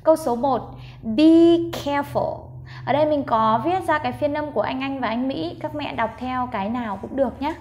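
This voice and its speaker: Woman, high voice, patient pronunciation teacher, slow step-by-step sound drills. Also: slight background noise. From Vietnam. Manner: patient, spells sounds slowly, models words.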